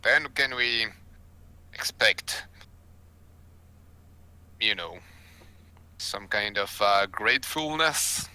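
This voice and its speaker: A man's voice: lowish voice, animated, very slow, long pauses, sharp tone, clear, resonant tone, rough recording. A man playing a tabletop game, pushy and bargaining. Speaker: player. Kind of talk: casual tabletop game play.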